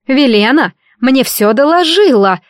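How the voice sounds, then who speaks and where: A woman voicing a haughty older noblewoman, mother of an emperor, who hisses venomous, shrill reproaches in an audiobook. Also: normal speed, no echo, studio quality, lightly acted. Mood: furious.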